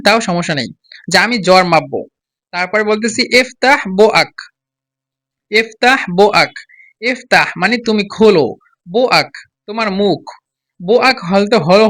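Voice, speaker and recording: A man gives a language lesson in a high, bright voice. He repeats each phrase slowly and presses learners to say it exactly as he does. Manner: repeats each phrase slowly and urges listeners to copy his pronunciation. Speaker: Arabic teacher.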